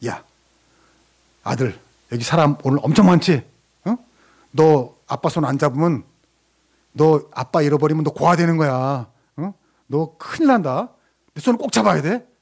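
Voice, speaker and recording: A man's voice: expressive, normal speed, creaky, long pauses, husky, heavily acted. A man doing a barking, angry father. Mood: stern. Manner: barking orders, high and shouty. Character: stern scolding father, short-tempered.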